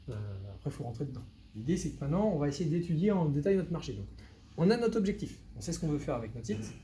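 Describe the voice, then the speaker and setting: A man giving a live presentation at a meetup, talking straight to the audience with a lively manner and dry asides. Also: fairly high pitch, slight background noise. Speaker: web consultant giving a meetup talk.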